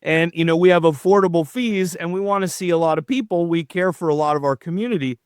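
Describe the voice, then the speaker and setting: A middle-aged man, a chiropractor answering questions in a podcast interview, explaining in an animated, demonstrative way. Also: on the high side, fast, clean tone, no room sound, studio quality. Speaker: chiropractor guest.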